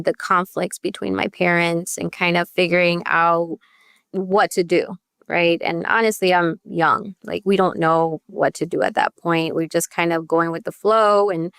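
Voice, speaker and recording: On a podcast, a youth advocate who was born in El Salvador and spent part of her upbringing in Northern Virginia recounts her story openly and conversationally, peppering it with "you know" and "right?". She speaks a little slowly in a fairly low, steady, slightly bright and clean voice, recorded dry at studio quality.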